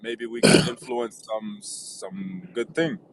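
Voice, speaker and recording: A man's voice: lowish voice, slow pace, a little hiss or hum. A man from Lebanon calling into a stream, talking hesitantly with many fillers and restarts. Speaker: caller. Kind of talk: casual call-in chat.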